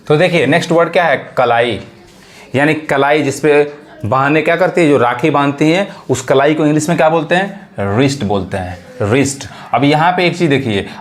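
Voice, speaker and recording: A man teaches English vocabulary. He keeps asking questions, answers them himself, repeats each word and reads the example sentences slowly. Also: medium pitch. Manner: repeats words and translations. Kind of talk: classroom-style vocabulary lesson.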